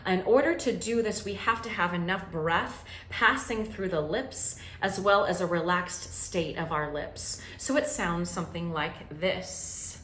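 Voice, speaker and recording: A woman vocal coach leading a warm-up lesson, encouraging and checking in with "okay?" as she goes. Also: fairly low pitch, unhurried, hardly any pauses. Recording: roomy echo with faint ambient noise.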